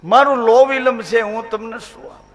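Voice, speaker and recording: A man delivering a devotional discourse, narrating a sacred tale with dramatic flair. He repeats key phrases for emphasis, and his voice sits high for a man. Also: fairly even intonation, brisk. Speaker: devotional storyteller.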